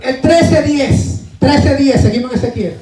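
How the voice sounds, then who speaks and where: A male pastor preaching a fervent sermon, swinging from shouted exclamations to quiet asides as he calls on his brothers in the congregation. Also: very high-pitched, a little slow, echoey room. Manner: fervent, rising to shouts and dropping to near-murmurs. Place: church.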